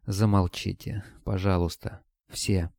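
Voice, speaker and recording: A man's voice: low voice, fairly even intonation, slow pace, creaky, a little mellow, no room sound, clean studio sound, exaggerated voice. A man voicing a broken, feeble male hunter in pain in an audiobook, moaning in weak gasps. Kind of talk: audiobook character voice.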